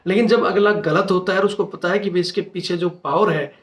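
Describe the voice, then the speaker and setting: Speaking as a channel host, this retired soldier urges his followers in an informal, earnest and insistent way. He talks fairly quickly in a high-pitched voice whose intonation stays fairly even, and the room sounds echoey.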